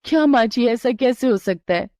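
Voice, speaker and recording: A woman voicing a curious, excitable young daughter-in-law who asks eager questions in a raised voice. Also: fairly high pitch, moderate pace, no room sound, studio quality. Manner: wide-eyed, eager, questioning.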